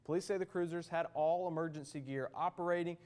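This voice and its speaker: A man anchoring a local evening newscast with steady, scripted delivery. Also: fairly high pitch, fast talker. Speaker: news anchor.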